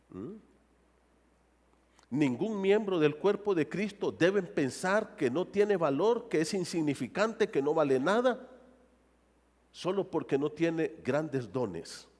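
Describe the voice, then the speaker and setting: A male pastor delivers a sermon with lively, swinging intonation, often tossing rhetorical questions to his congregation. His voice sits a little high for a man. The sound carries the long reverb of a church sanctuary. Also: slow.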